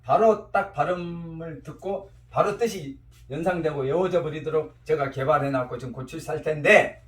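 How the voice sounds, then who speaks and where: A man teaching a class, lecturing in an animated way and having students repeat after him. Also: sits high. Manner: animated, quizzes students and has them repeat. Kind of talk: classroom lecture with call-and-response drills. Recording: roomy echo, mic at a distance.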